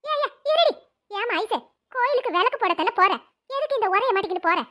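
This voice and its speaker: A woman voicing a stern, bossy old village grandmother in a cartoon, with a shrill scolding manner. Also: expressive, a little fast, a bit bright. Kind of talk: cartoon voice acting.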